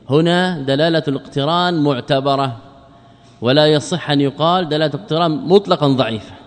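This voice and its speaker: Male sheikh giving a text lesson, mid-pitched voice, repeats and quizzes students, reverberant hall. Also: darkish tone. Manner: explains slowly, repeats key phrases, quizzes students. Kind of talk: classical Arabic study lesson. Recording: long reverb of a lecture hall.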